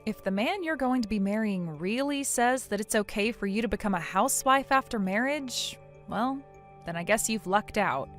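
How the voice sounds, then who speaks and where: A woman's voice: on the high side, expressive, moderate pace, faint music behind, close to an everyday voice. A woman playing a weary, sarcastic younger sister in a scripted audio story, speaking in a dry, curt, guarded way.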